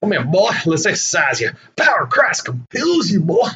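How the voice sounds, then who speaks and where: A man's voice: high voice, wildly swooping pitch, moderate pace, fairly bright tone, slight background noise, voice pushed up, heavily acted. Man doing a brash bragging exorcist priest. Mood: cocky. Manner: brash, swaggering. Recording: dull lo-fi recording.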